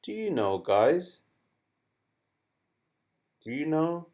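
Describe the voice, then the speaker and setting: Slow, animated man teaching children. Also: fairly high pitch. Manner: playful and animated, asks the class questions and uses sound effects. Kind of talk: children's lesson.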